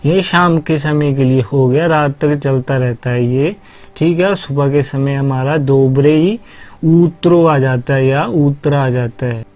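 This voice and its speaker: A man's voice: medium pitch, unhurried. A man giving a casual spoken lesson, spelling words out letter by letter and repeating himself often. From Haryana, India. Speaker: language teacher. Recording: dull lo-fi recording.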